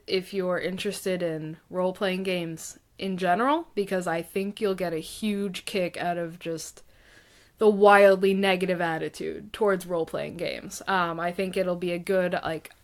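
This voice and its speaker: A woman's voice: fairly low pitch, steady tone, a little slow. Female podcast guest, casual and chatty, filler-heavy delivery. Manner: chatty, many fillers, laughs often. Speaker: podcast guest, dungeon master.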